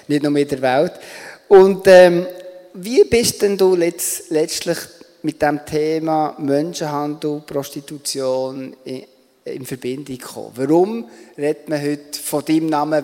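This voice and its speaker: Swiss German male host, slightly high voice, conversational interviewer, long hall reverb. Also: mellow. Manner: conversational, asking probing questions. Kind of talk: stage interview.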